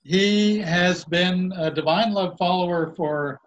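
A man from Canada speaks slowly in a casual conversation. His voice sits a little high, and he pauses often as he warmly introduces friends. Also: lo-fi sound, a little hiss or hum. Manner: slow, halting, complimentary. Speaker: guest and co-host introducing friends.

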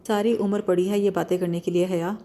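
A pushy young man from a storybook, mocking and insistent, his lines read in a mellow, darkish tone, as a woman narrator puts him on. The delivery is plain and even. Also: on the low side, lightly acted. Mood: taunting.

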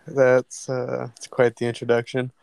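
A man on a podcast recalling a memory in a halting, casual way, with many fillers. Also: mid-range voice, monotone, creaky, a little mellow, a little hiss or hum. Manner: hesitant, lots of ums and likes. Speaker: podcast co-host. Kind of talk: casual storytelling.

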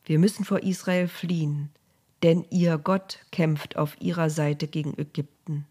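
A woman's voice: low voice, steady tone, measured pace, husky. Woman as a furious king barking orders. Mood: alarmed. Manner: shouting, commanding.

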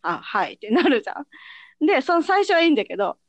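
A woman, chatting casually as a podcast co-host, quick to laugh and react. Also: sits high, dry recording, lo-fi sound. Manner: laughs often, lively reactions. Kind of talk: casual chat.

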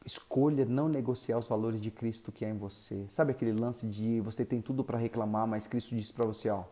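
A male pastor, telling a story in an animated sermon that swings from loud to soft. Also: on the low side, a little fast.

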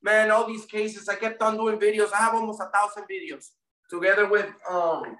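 Seated well away from the mic in a room with strong echo, a man raised in Florida but from Puerto Rico talks as a guest in a casual interview. A First Amendment auditor, he uses a high, bright voice with a steady tone and moderate pace, rambling and restarting often.

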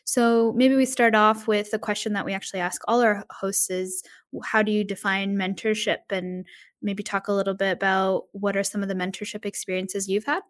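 A woman's voice: mid-range voice, little pitch movement, normal speed. A woman hosting a podcast in a conversational style. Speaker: podcast host and user experience designer.

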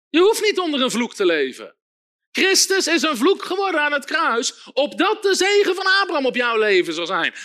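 A man preaching a sermon in an emphatic, repetitive style, often calling for amens and sometimes shouting. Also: very high voice. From Netherlands.

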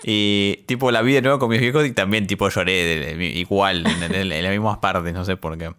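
A man's voice: low voice, brisk, a bit bright, clear, resonant tone. A young man with a Rioplatense Spanish accent, co-hosting a casual, teasing chat. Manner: joking, teasing. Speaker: podcast co-host.

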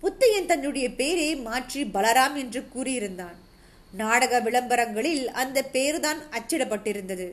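High-voiced woman reading a novel aloud. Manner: steady storytelling with occasional slips and restarts. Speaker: narrator.

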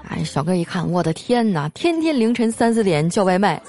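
A woman's voice: medium pitch, sing-song, a little fast, darkish tone, some chatter behind. Playful woman reading jokes over music. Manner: playful, laughs often, acts out quoted lines in a raised voice. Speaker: host reading listener jokes. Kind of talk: comic podcast joke reading. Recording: light background music.

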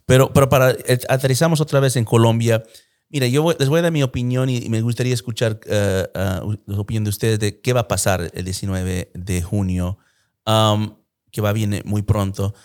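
A man's voice: lowish voice, fairly even intonation, moderate pace, darkish tone. A man giving conversational political analysis in Spanish with occasional English filler words, in a Spanglish manner.

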